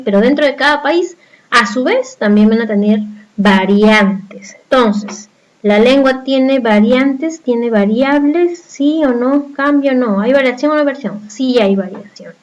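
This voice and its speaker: Woman, Peruvian accent, teacher, slightly high voice, rhetorical questions to the class. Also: measured pace, rough recording. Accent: Peruvian Spanish. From Peru. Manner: explains step by step, often asking the class rhetorical questions. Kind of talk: recorded classroom lesson.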